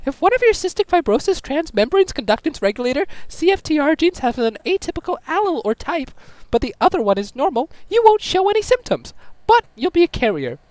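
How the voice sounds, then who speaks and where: A woman voicing a brisk, upbeat family doctor in a homemade animated drama, explaining in a bright, sing-song way. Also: sits high, dry recording. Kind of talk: amateur machinima voice acting.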